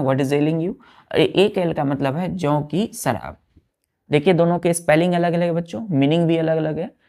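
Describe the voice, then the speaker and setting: A woman with a low-pitched, darkish voice teaches children a vocabulary lesson, explaining word by word. She repeats words slowly, checks that the kids follow along, and has an Indian English accent on the English words.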